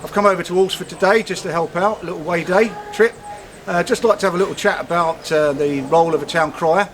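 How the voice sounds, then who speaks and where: A man's voice: sits high, fast talker. A man giving an informal, slightly hesitant explanatory chat. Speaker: town crier. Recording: light background noise.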